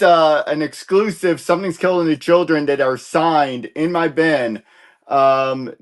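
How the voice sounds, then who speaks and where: A man with a voice a touch higher than most chats unhurriedly through a live comic sale. He rambles in an easygoing way, catches his own slips and tosses in small jokes. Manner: rambling and easygoing, self-correcting with light jokes. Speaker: live-stream comic book seller. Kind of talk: casual live sales stream chat.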